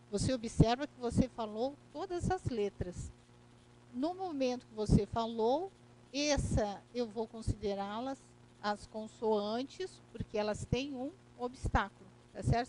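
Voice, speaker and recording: A woman's voice: a little high, a little mellow, a little hiss or hum, low-quality recording. A woman with a Brazilian Portuguese accent teaching a recorded grammar lesson, explaining step by step and checking in with "né?" and "correto?".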